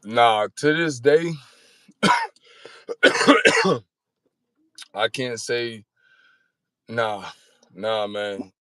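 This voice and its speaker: A man's voice: mid-range voice, extremely slow, long pauses, smooth, no room sound. A man in his thirties telling his story as an interview guest, rambling in slangy street talk and often asking if you follow. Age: 30s. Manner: rambling, repeats "you know what I'm saying".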